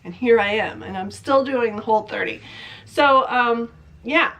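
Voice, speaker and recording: In an unhurried, slightly high and fairly bright voice, a young woman vlogger talks through her diet, rambling chattily and second-guessing herself. A cold has left her sounding stuffy and congested.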